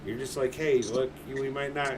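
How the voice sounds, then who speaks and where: A man's voice: medium pitch, steady tone, normal speed. A man in his forties, a livestream host, chatting casually in a blunt, swearing manner. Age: 40s. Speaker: streamer. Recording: distant mic with background noise.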